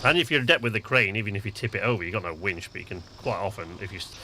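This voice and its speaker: A man's voice: fairly low pitch, lively intonation, racing, bright, forceful tone. Guy hosting a game stream, rambly chatty commentary, game noise going behind him. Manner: chatty, rambling, thinks aloud. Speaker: livestream host. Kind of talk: casual gameplay commentary. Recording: noisy stream audio with game sounds.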